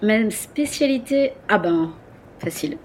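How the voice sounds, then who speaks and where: A woman from Marseille who runs a tour company, chatting in a casual interview, animated, with frequent laughs and hesitant fillers. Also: mid-range voice, a little slow, slight background noise. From Marseille, France. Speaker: guest, tour company owner.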